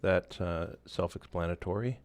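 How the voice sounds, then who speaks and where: A man walking through a software tool in a casual screen-share tutorial, loose and relaxed, with many fillers and restarts. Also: low-pitched, normal speed. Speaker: instructor.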